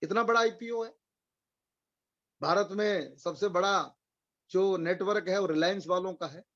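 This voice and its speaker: Male motivational speaker, high voice, rhetorical and repetitive, webinar audio a bit muffled. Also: measured pace, a bit bright. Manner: rhetorical questions, repeats phrases for emphasis. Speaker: motivational speaker for insurance agents.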